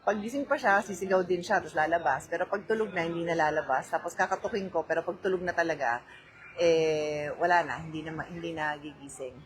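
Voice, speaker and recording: A woman's voice: fairly low pitch, brisk, rough recording. A middle-aged woman with a Filipino accent talks casually into her phone during a live stream. She drifts easily between Filipino and English, greets viewers by name, and chats about her day. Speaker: vlogger hosting a phone livestream. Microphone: handheld phone.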